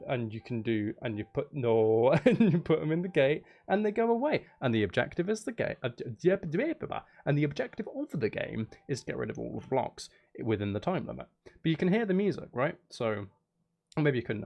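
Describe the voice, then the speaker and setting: A live streamer who makes music and games chats with viewers while working, in a muffled recording. His mid-range voice is expressive and brisk with vocal fry, and he rambles playfully, cutting himself off and repeating phrases.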